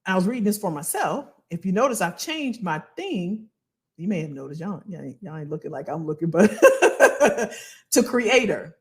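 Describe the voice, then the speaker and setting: A woman hosting a casual livestream as a financial coach, animated and colloquial, repeating phrases for emphasis. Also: fairly low pitch, moderate pace. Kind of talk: casual livestream talk to viewers.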